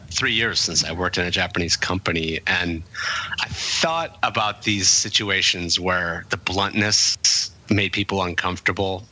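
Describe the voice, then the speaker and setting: This man, an author from an English-speaking country, is interviewed as a guest about his career and rambles reflectively, with plenty of fillers and false starts. He has a lowish voice with a bright, forceful tone. The recording quality is low.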